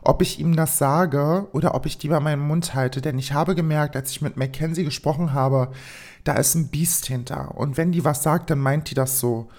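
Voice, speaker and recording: A woman's voice: low voice, moderate pace. A young woman telling a dramatic personal story for her vlog, acting out each line. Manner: animated, acts out every line.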